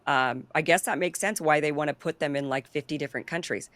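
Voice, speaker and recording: Speaking fast in a low, slightly bright voice, a female show host keeps her political chat casual, opinionated and full of easy laughter. There's no echo on the recording.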